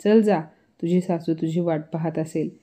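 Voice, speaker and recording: A woman's voice: lowish voice, steady tone, moderate pace, dark tone, natural voice. A woman voicing a controlling, touchy older mother-in-law with a curt, scolding tone in a storybook reading.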